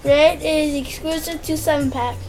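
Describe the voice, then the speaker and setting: A woman's voice: sits high, fairly even intonation, normal speed, a little mellow, faint music behind. A woman joining a casual toy unboxing, teasing and giggly. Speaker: co-host.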